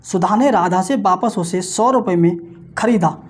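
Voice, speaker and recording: Working through exam-prep maths, a man speeds through sums in chanted times tables and keeps calling his viewers friends. He asks questions and then supplies the answers. His voice is high.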